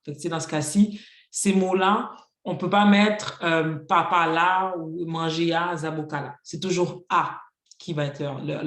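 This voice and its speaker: A teacher works through a grammar lesson at a patient, even pace. Each rule gets an example, and "ok, donc" keeps coming back between points. The voice carries a roomy classroom echo at a middle pitch. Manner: patient, spells out rules with examples, frequent "ok, donc" fillers. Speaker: Haitian Creole teacher.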